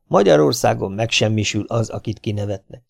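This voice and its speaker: Man with a low voice reading a children's novel. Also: gravelly, no room sound, clean studio sound. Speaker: audiobook reader. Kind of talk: audiobook narration.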